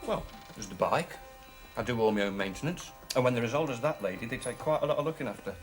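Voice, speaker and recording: A man's voice: mid-range voice, lively intonation, quick pace, lightly acted. An actor playing a mild, cautious, homely man, earnest and hesitant in natural TV comedy-drama dialogue. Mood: mildly defensive. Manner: hesitant, earnest, mildly fussy. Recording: music behind the dialogue.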